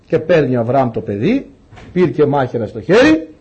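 A man's voice: mid-range voice, wildly swooping pitch, a little mellow, breathy edge, lo-fi sound. A man preaching a sermon, emphatic and rhetorical, acting out Bible stories for his congregation.

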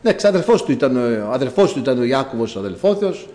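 A man preaching a sermon, telling a story with low asides and sudden high cries. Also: sing-song, warm tone.

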